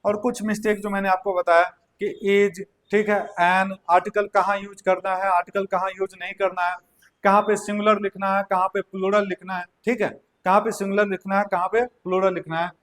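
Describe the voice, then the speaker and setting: A man's voice: high-pitched, level tone, a little fast, a bit bright. A male teacher giving a language grammar lecture, repeating key points and checking in with his students often. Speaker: English teacher. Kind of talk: classroom lecture.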